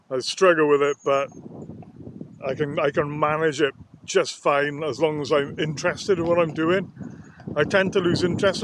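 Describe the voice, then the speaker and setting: Rambling man outdoors. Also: a little high. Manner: rambling, candid, downbeat. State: out of breath from walking. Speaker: sound therapist vlogger. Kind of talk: walk-and-talk vlog. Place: outdoors on a nature reserve. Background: faint outdoor ambience.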